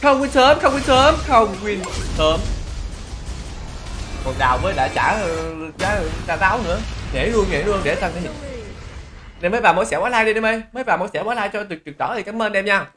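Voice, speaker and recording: A man doing live gameplay commentary, who exclaims loudly and greets and teases his chat viewers. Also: high-pitched, rapid-fire. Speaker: game streamer. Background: game music.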